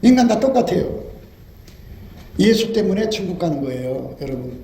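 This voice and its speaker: A man's voice: sits high, very animated, moderate pace, vocal fry, dark tone. A male pastor preaching an impassioned sermon, acting out pleading prayers as he goes. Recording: roomy echo.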